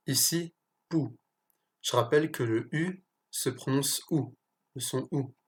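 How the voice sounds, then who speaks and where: A teacher slowly explaining pronunciation, pausing often and correcting small slips along the way. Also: medium pitch. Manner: slow, careful explanation with pauses and self-corrections. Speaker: language teacher.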